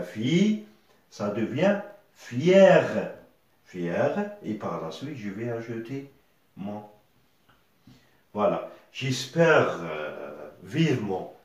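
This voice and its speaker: Male primary teacher, patient and lively in pitch, heavy room echo. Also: muffled recording. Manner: slow, patient, spelling letters aloud, repeats words. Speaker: primary school French teacher. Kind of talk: spelling-out grammar lesson. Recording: very echoey bare room.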